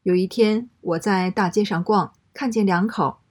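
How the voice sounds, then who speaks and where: A woman reading a first-person story aloud in a steady, matter-of-fact way. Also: medium pitch, moderate pace, slightly rough.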